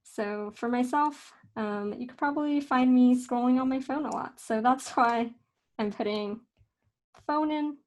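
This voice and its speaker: Young woman, art tutor, casual drawing tutorial, fairly high-pitched, relaxed and chatty, lots of fillers. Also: measured pace. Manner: relaxed, chatty, with many fillers and self-corrections. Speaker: art instructor.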